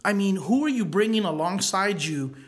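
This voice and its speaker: A man's voice: high voice, lively intonation, moderate pace. A man in a casual panel discussion, explaining his points conversationally and often checking in with his listeners. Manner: explanatory, checks in with "right" and "you know". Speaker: church leader, panel guest.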